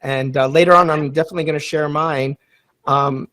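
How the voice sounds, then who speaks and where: A man's voice: a little high, steady tone, fairly quick, bright, forceful tone. Upbeat man hosting with frequent ums. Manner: enthusiastic, rambling, frequent ums and uhs. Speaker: podcast host. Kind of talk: casual live-stream hosting.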